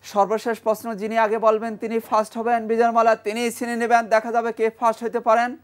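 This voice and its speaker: A Quran reading teacher with a smooth, medium-pitched, monotone voice speaks fast while leading a TV lesson in a studio with a class of students. In quiz-style call-and-response, he questions the students, prompts group recitation, and praises their answers as they chant along.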